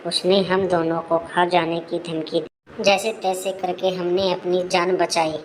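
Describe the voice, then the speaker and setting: A dutiful royal soldier in a cartoon story, voiced by a woman. The delivery is formal and deferential. The pitch is fairly low and barely moves. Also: little pitch movement, unhurried, lightly acted.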